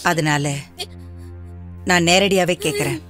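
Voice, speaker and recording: A stern, commanding doctor. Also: female voice, lowish voice, slow pace, soft background music. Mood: coaxing. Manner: stern, then gently coaxing. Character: brisk, authoritative woman doctor.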